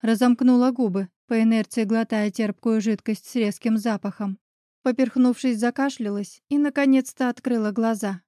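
A woman's voice: a little high, steady tone, moderate pace, dark tone, no room sound, studio quality. A woman narrating a romance novel in the first person, reading expressively and dramatically. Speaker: audiobook narrator.

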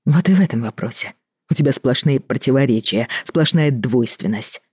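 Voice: mid-range voice, darkish tone, breathy edge, no echo, clean studio sound, close to an everyday voice. Reader voicing a weary, bitter man. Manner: tired, reproachful, measured. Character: weary middle-aged male doctor, fed up and bitter. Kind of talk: audiobook reading.

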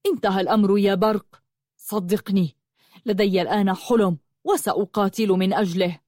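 A woman's voice: mid-range voice, steady tone, a little fast, a little mellow, no echo, studio quality, close to an everyday voice. A woman narrator voicing a brave young male writer who answers his foe with firm, confident defiance, in an audiobook. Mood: defiant.

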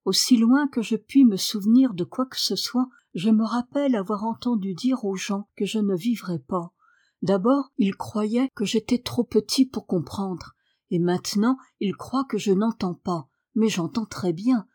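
A woman's voice: mid-range voice, measured pace, a little mellow, no echo, clean studio sound, lightly acted. A woman reading an audiobook voices a sickly boy who speaks in a weary, sullen way. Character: sickly boy, moody and listless.

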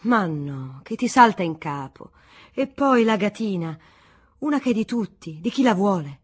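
A woman's voice: medium pitch, expressive, normal speed, breathy edge. A woman reading the lines of a vain, carefree young aristocratic husband in an audiobook, in a breezy, dismissive manner.

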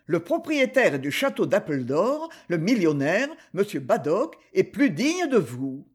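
A man's voice: high voice, very animated, a little slow, breathy edge, full character voice. A man playing a jealous, menacing rejected suitor. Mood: menacing, bitter. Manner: sullen and menacing. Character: jealous, threatening spurned male suitor.

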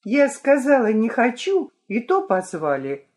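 Storybook: woman doing a sullen little girl, raised pitch, clipped answers. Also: wildly swooping pitch, measured pace, darkish tone. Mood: stubborn. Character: stubborn, withdrawn little girl.

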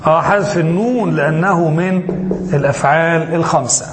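A man's voice: on the high side, a little fast. A man teaching Arabic grammar as a sheikh, who keeps asking his class questions and answers them himself. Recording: echoey hall with faint hiss.

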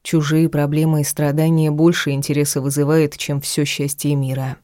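A woman reading a first-person audiobook in a measured, intimate storytelling manner. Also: deep voice, flat delivery, warm tone, no echo, clean studio sound. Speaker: audiobook reader.

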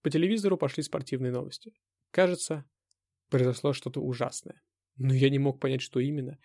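A man narrating a dramatic audiobook in the first person, in a tense, measured way. His mid-range voice has a gravelly edge. The recording is close and dry, with no room sound. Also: medium pitch, fairly even intonation, warm tone, dry recording.

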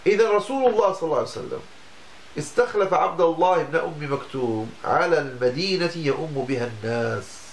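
A man's voice: fairly high pitch, lively intonation, quick pace, slight background noise. A man, a religious teacher giving a lesson on Islamic law, explaining patiently and often breaking off to restart a word. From Morocco.

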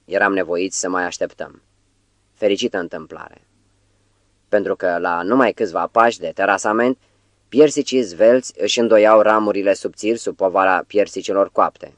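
A man reading a literary novel aloud in a measured, even narration. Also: sits low, dry recording. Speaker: audiobook reader.

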